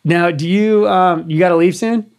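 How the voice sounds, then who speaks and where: A man's voice: high-pitched, moderate pace, clear, resonant tone. Man in his thirties telling a story. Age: 30s. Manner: storytelling, earnest and animated. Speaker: podcast host. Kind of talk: casual conversation.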